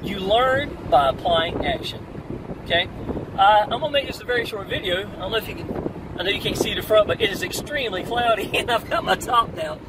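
Driving a convertible with the top down, a middle-aged man preaches energetic motivation to online marketers, saying "y'all" again and again. He speaks high-pitched and fairly quickly. Recorded on a phone at arm's length, the distant audio picks up wind and road noise.

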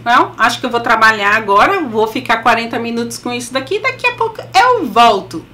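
A middle-aged beauty vlogger with a Brazilian Portuguese accent reviews a beauty product while speaking through a face mask. She's casual and chatty, adding laughing asides. Her fairly high voice has a sharp tone and big pitch swings, and she talks fairly quickly.

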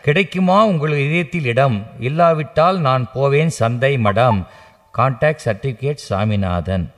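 An actor playing a wisecracking bachelor in a stage comedy, firing off cheeky retorts and reading verses in a mock-solemn tone. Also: male voice, medium pitch, moderate pace, close to an everyday voice. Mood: sarcastic. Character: wisecracking bachelor man, sharp-tongued and cheeky. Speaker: lead comic character in a stage play. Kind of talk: Tamil stage comedy acting. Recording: stage play with hall reverb.

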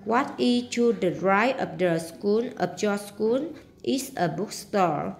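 In this homework walkthrough lesson, a Southern Vietnamese-accented woman translates English words step by step, adding sentence-end particles as she explains. She sounds animated yet takes it slowly, with a mid-range voice and vocal fry.

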